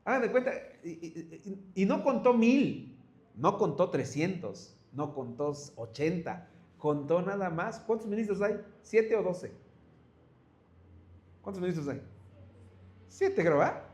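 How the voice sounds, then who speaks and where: High-voiced preacher, echoey room. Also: male voice, lively intonation, unhurried, pauses often, a little mellow. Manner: storytelling with rhetorical questions to the congregation. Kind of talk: sermon.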